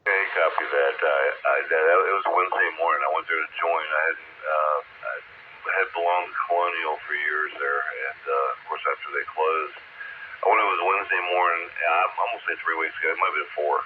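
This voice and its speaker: A man's voice: rumbling low, steady tone, a little fast. An older man making casual, rambling and hesitant conversation over two-way radio as an operator. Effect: two-way radio transmission. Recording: very narrow, noisy GMRS radio audio.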